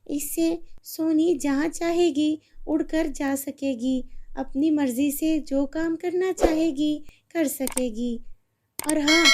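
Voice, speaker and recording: A woman voicing a kind magical fairy, gentle and stately. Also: high-pitched, voice pushed up.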